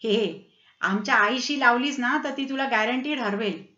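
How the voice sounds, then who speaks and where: A woman's voice: fairly high pitch, moderate pace, sharp tone. Woman doing a bubbly, cheeky young woman. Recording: roomy, slightly dull lo-fi.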